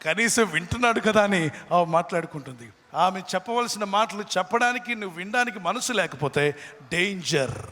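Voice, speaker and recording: A man's voice: sits high, animated, a little fast, pushed and bright. A man preaching a sermon earnestly, with homely examples, who builds into fervent prayer. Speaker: pastor. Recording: long hall reverb with faint music.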